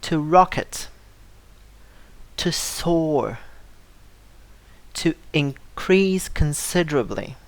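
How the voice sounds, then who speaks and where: An English teacher talks through a vocabulary lesson very slowly, repeating each list of words and leaning on stressed syllables to show pronunciation. The recording is dry and close, with no room sound. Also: medium pitch, lively intonation, dry recording. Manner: slow, careful delivery, repeating word lists for learners.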